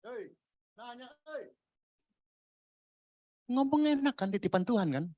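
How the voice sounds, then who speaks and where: Male pastor, casual joking sermon delivery, very lively intonation, dry recording. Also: very high-pitched, unhurried, dry recording. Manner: conversational, jokey preaching with rhetorical questions. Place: church.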